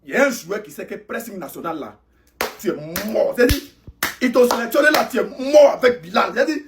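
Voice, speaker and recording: Ranting Ivorian man, high and distant. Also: lively intonation, brisk, background noise. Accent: Ivorian French. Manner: angry, repetitive chanting of complaints, shouting then muttering. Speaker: football fan. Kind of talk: ranting reaction video.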